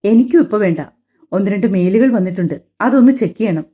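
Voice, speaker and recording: Woman voicing a cold young husband, curt, firm, scolding, dark mellow voice. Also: mid-range voice, animated, fast talker, close to an everyday voice. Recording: slightly dull lo-fi audio.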